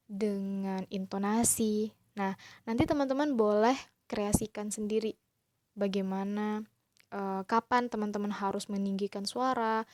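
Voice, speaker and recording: A woman teacher explaining slowly and patiently to young pupils in a recorded class lesson. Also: mid-range voice, darkish tone, no room sound. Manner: slow, patient explaining to children.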